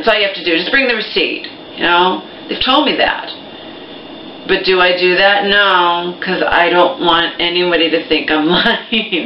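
A woman's voice: mid-range voice, slight background noise. Young woman venting in her kitchen, keeps saying okay?, roomy far-off dull camera sound. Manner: emphatic, repetitive, keeps asking "okay?". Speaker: vlogger. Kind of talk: casual rant to camera. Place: home kitchen, indoors. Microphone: camera mic from across the room.

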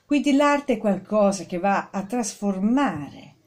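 A woman giving a spoken art history lesson, informal, with many fillers and restarts, stressing key words with rising pitch. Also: lively intonation, slow pace, a little mellow. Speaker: art teacher.

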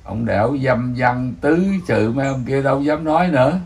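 An older man with a Southern Vietnamese accent, telling old village stories in a rambling, animated way, chuckling now and then. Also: mid-range voice, moderate pace, vocal fry, slightly rough. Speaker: elder storyteller. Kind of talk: casual storytelling.

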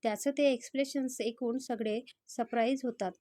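A woman storyteller reading a romantic story in a steady, scripted narration. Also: a little high, a little fast.

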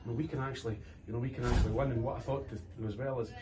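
A Scottish man in his forties, a football manager giving an animated post-match interview in a club room. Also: mid-range voice, very fast. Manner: animated, gestures with his hands while talking. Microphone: camera from a few metres. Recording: distant camera mic, faint room hiss.

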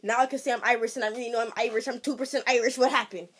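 A young woman vlogging casually, excitable and exclaiming as she thinks aloud while reading out results. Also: on the high side, very fast, breathy edge. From Trinidad. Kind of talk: casual vlog, reacting to results.

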